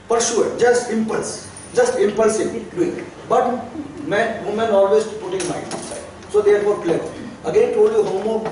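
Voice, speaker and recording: A therapy trainer from India teaches a class in a classroom lecture, speaking plain non-native English with chuckling asides. His voice sits high, and the distant mic picks up an echoey hall with faint noise.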